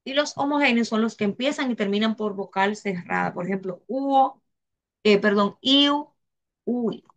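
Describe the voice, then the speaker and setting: A woman teacher with a Dominican accent giving a grammar lesson in a classroom, talking slowly, repeating herself and putting questions to her students. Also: mid-range voice, muffled recording, a little hiss or hum. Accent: Dominican Spanish.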